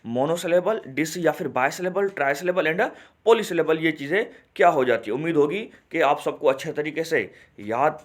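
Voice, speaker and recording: A man teaching an online English grammar lesson, repeating words slowly and asking rhetorical questions. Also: fairly high pitch. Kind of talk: classroom lesson explaining grammar.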